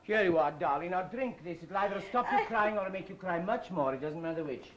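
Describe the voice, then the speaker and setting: An actor with a Russian accent playing a flamboyant young exiled Russian prince who theatrically calls everyone darling, in 1930s film style. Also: male voice, sits high, expressive, brisk, fairly bright tone, a little hiss or hum, low-quality recording. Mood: coaxing. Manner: theatrical, coos "darling" constantly.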